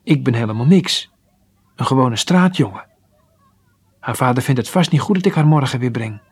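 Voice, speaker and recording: A man's voice: medium pitch, expressive, normal speed, husky. A man doing an earnest poor street boy.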